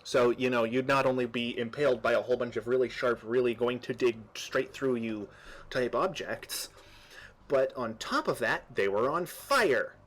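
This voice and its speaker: A man's voice: medium pitch, moderate pace, a bit bright. Rambling man streaming a strategy game. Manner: rambling, trivia-filled explanations with frequent restarts. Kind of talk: casual gameplay chat.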